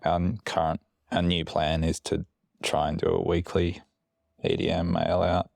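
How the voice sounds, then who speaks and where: A man's voice: monotone, moderate pace, a little mellow, no room sound, studio quality. A man co-hosting a casual podcast chat, rambling with fillers and restarts, a bit woozy from medication. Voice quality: very low, gravelly voice. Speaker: podcast co-host.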